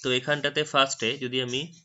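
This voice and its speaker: Man, Bengali native speaker, English vocabulary tutorial, bright ringing voice, slightly dull lo-fi sound. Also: medium pitch, little pitch movement, slight background noise. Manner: explains patiently, repeats words slowly after a dictionary audio. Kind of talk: screen-recorded tutorial narration.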